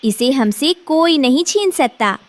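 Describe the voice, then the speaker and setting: A loving mother sparrow, voiced by a woman in a cartoon, tender and reassuring. Her voice sits high and moves slowly. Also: lively intonation.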